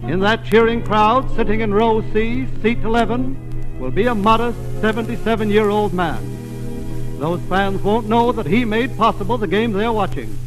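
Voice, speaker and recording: A man's voice: high voice, moderate pace. A man hosting a radio show with a formal, scripted announcer delivery, heard on a 1939 broadcast recording. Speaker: radio host. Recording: reverberant old radio studio with music.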